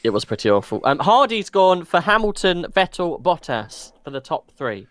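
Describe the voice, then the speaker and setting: A man's voice: a little high, very animated, moderate pace, a bit bright. A man co-hosting a casual racing podcast, jokey and playful, swearing now and then. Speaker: podcast co-host.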